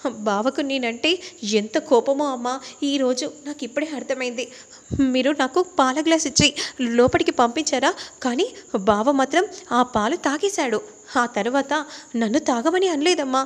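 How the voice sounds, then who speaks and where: A woman's voice: sits high, in a large hall, close to an everyday voice. A woman voicing a tearful young bride who pleads with her mother and accuses her husband. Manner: pleading, repeats "amma".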